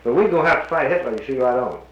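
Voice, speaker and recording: A man's voice: mid-range voice, expressive, very fast. A man from North Carolina, heard on an old 1941 archival recording, talking plainly and firmly about the war in casual conversation. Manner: plainspoken and firm, cites the radio news. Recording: muffled, roomy old recording with faint hiss.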